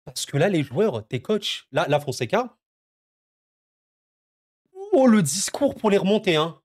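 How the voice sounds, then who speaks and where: A man's voice: high voice, very animated, measured pace, a little mellow. Agitated stammering man reacting to football. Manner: agitated, stammering, emotional, addresses viewers as "les gars". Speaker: football YouTuber. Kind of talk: excited football reaction vlog.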